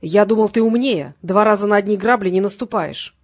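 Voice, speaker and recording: A woman reading an audiobook, voicing a tough sarcastic man who threatens a rival over the phone in a loud, mocking way. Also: mid-range voice, fairly quick, husky.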